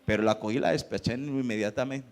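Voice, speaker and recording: A man's voice: mid-range voice, fast. A man preaching a sermon as pastor, firing rhetorical questions at the congregation. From Colombia.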